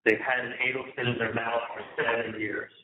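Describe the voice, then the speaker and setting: A man's voice: mid-range voice, flat delivery, a little fast, narrow, tinny audio, a little hiss or hum. Inmate calling from a prison phone: agitated, repetitive man on a thin, roomy line. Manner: agitated, indignant, repetitive, swearing. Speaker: inmate calling his mother. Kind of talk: phone conversation. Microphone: prison phone handset.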